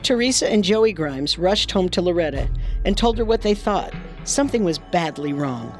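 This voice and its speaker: A woman's voice: on the low side, expressive, normal speed, faint music behind. A woman delivering scripted true crime narration as a storyteller.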